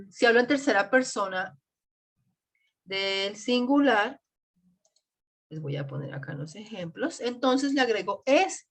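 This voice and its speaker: Woman, English teacher, patient, spells out examples, online class, computer mic. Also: medium pitch.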